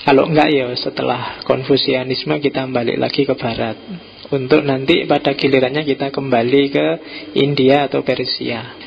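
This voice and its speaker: Middle-aged Javanese-accented male lecturer, gravelly, joking and relaxed, lo-fi recording. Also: medium pitch, normal speed. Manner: relaxed, joking, mixes in local words. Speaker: philosophy lecturer. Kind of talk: informal public lecture. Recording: dull lo-fi recording with faint noise.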